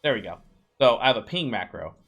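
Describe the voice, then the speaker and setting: A man's voice: mid-range voice, expressive, fast talker, a bit bright, husky. A man giving a casual voice-over tutorial for a video game, talking loosely to his viewers with plenty of ums, uhs and restarts. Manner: loose and chatty, many ums and restarts, talks to viewers as "you guys". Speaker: game guide creator and streamer.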